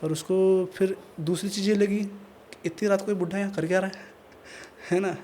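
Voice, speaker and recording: Man, Pahari Hindi accent, casual horror storytelling, animated, fairly high, mellow tone. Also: normal speed, slight background noise. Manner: animated, conversational, acts out voices. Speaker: storyteller guest. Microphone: podcast mic.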